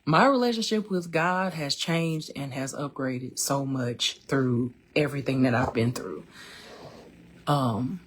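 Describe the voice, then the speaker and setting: A woman's voice: a bass voice, slow pace, slightly rough. A woman, speaking casually and emotionally with many fillers as she hosts her own live stream. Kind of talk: personal testimony, casual talk.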